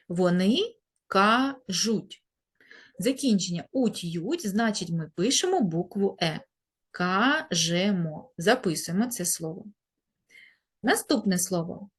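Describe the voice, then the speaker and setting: A woman teacher giving a grammar lesson to young pupils, speaking slowly and stretching out each example word. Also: medium pitch, husky. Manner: slow, deliberate, stretching out example words. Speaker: primary school teacher.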